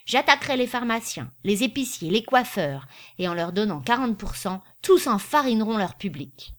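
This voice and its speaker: A woman doing a loud, bombastic salesman. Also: mid-range voice, big pitch swings, normal speed, voice pushed up. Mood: boisterous. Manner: bombastic, declamatory. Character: boisterous male traveling salesman, loud and showy.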